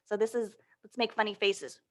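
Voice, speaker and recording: Speaking at a mid-range pitch and a little quickly, a woman leads an interactive storytime built around a picture book for small children. Her manner is upbeat and encouraging, and she regularly asks questions before answering them aloud.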